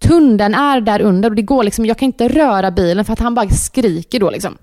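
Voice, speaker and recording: A woman's voice: mid-range voice, no echo. A Swedish woman in her thirties chatting on a podcast, her voice sitting mid-range. She tells stories with lots of energy and jumps into her own panicked quotes. The sound is close and dry, with no room around it. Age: 30s. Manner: animated storytelling, acting out quoted panic. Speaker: podcast co-host. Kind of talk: casual chat.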